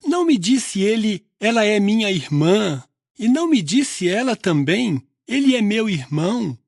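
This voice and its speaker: A man's voice: sits high, big pitch swings, unhurried, vocal fry, no room sound, clean studio sound, voice pushed up, exaggerated voice. A man voicing an indignant ancient king who pleads and protests, in a Bible audio reading. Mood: protesting.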